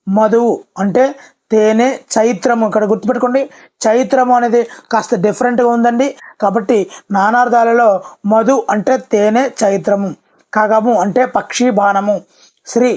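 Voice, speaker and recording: A teacher talks through an exam-prep lesson in voice-over at a brisk clip. Key words come twice, and viewers are addressed politely throughout. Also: mid-range voice.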